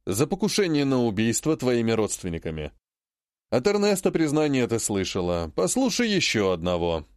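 A man's voice: medium pitch, huge pitch swings, moderate pace, no room sound. A man reading an audiobook, voicing a stubborn, sarcastic emperor who talks in a dry, unyielding way.

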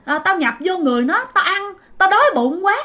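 A woman's voice: very high voice, expressive, a little fast, pushed and bright, pitched above the performer's own voice, heavily acted. A woman voicing a hungry ghost that has possessed a woman, whiny and pleading. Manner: whiny, pleading, then bargaining.

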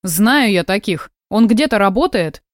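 A woman's voice: mid-range voice, expressive, unhurried, dry recording, studio quality, close to an everyday voice. Woman doing a blunt, caring old caretaker. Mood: concerned. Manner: blunt, worried. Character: gruff older male caretaker, blunt but caring.

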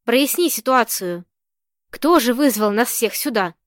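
A woman's voice: fairly high pitch, expressive, a little slow, no echo, studio quality. A woman voicing a cheerful agreeable man.

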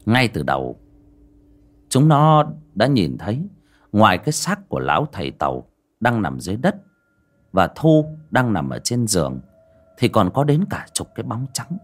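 A man's voice: on the low side, sing-song, normal speed. A man narrating a horror story in a dramatic, vivid storytelling manner. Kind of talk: scripted storytelling.

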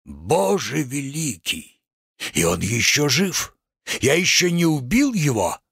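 A man's voice: medium pitch, sing-song, gravelly, fairly bright tone, breathy edge, no room sound, studio quality, heavily acted. A man declaiming as a pompous raging tragic actor. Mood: grandiloquent. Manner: declamatory, thundering, drawn-out grand phrases. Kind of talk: reading a stage play aloud.

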